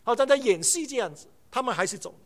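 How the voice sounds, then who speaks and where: 一位男传道人在讲道，语气生动，常模仿对话讲故事。. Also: male voice, very high-pitched, quick pace. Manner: animated storytelling, acts out dialogue. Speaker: preacher. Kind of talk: sermon.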